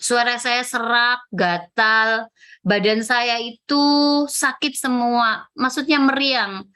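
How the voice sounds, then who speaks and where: Bright-voiced woman in her forties. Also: fairly high pitch. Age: 40s. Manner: chatty storytelling with fillers and acted self-quotes. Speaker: testimony speaker at prayer fellowship. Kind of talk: personal church testimony.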